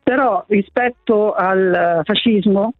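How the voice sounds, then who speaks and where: A woman's voice: medium pitch, slow, no echo, soft background music. A woman in her sixties calling in to a radio show on speakerphone, talking earnestly and searching for her words. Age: 60s. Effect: on speakerphone over a phone line. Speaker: radio caller. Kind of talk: call-in chat. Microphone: phone on speakerphone. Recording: tinny phone line.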